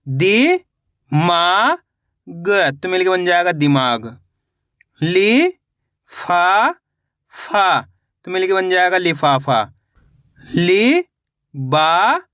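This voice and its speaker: A man's voice: high-pitched, bright, forceful tone, clean tone, dry recording, studio quality. A man teaching children to read, sounding out words syllable by syllable and then asking and answering his own questions. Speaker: Hindi reading teacher.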